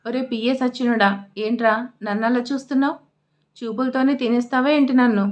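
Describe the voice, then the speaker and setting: A woman voicing a sharp-tongued, bossy old grandmother who scolds coarsely in an audio story. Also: a little high, fairly even intonation, lightly acted. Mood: scolding. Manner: scolding, coarse, quick retorts.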